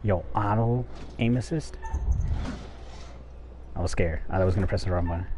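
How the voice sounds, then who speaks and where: Deep-voiced man streaming a game. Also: normal speed, background noise. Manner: profane, muttering reactions. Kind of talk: casual playthrough commentary. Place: indoor room, streaming webcam. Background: game music.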